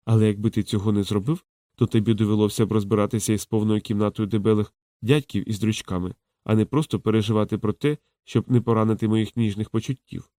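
A man reading a calm, knowing courtesan in a soft, low and hushed voice. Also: quick pace, no room sound, studio quality, close to an everyday voice. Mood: teasing. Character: frank, teasing courtesan woman, calm and knowing.

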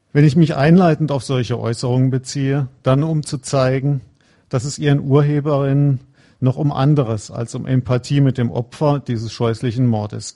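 A man giving a conference lecture, reading a prepared script in a measured, formal way. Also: mid-range voice, creaky, dark tone. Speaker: conference speaker.

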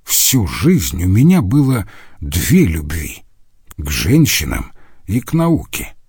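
A drowsy old male professor with a sly, gleeful streak, as a man voices him, grumbling slowly at his colleagues. The voice has a husky edge and a dry, close sound. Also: sits low, huge pitch swings, a little mellow, dry recording, exaggerated voice. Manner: grumbling, chuckling.

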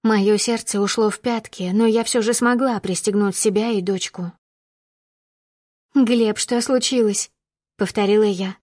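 A woman narrating a first-person audiobook with steady storytelling that rises with emotion in dialogue. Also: mid-range voice, normal speed, hardly any pauses, no room sound, studio quality.

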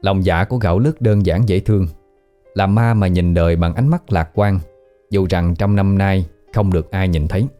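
A man narrating a ghost story in a calm, even audiobook reading. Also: sits low, normal speed. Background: faint background music.

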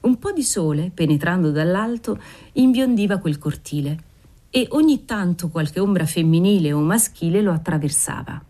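A woman narrating a classic novel aloud in a measured, descriptive reading. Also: on the low side, expressive, dark tone. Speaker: audiobook narrator. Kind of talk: scripted narration.

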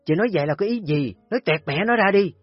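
A man voicing a spiteful, sharp-tongued young daughter-in-law in an audio story, shrill and mocking. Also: animated, normal speed, breathy edge, no echo. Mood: scornful shouting. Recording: dull lo-fi audio with faint music.

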